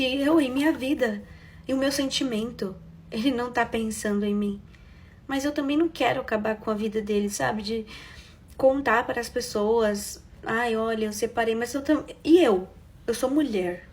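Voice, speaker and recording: A young woman with a Brazilian accent tells her own story as a heartfelt confession. Her voice sits a little high, and she talks casually and with feeling. She acts out the lines of the people in her story. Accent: Brazilian Portuguese. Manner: emotional, conversational, quotes others with lively shifts. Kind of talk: first-person confessional storytelling.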